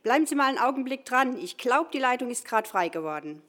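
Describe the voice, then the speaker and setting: An actress playing a polite, businesslike career-planning clerk in a customer service voice, in a comedy sketch. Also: female voice, high-pitched, big pitch swings, fast talker, fairly bright tone. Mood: polite, helpful. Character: polite female career-planning clerk at God's call centre. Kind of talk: scripted comedy sketch, phone hotline.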